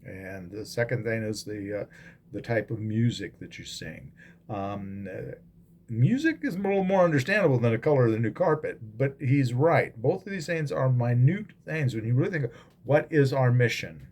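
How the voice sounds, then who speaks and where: A man's voice: medium pitch, lively intonation, normal speed, darkish tone. A man, a pastor, giving a casual devotional talk with frequent ums and restarts, recorded as a phone video.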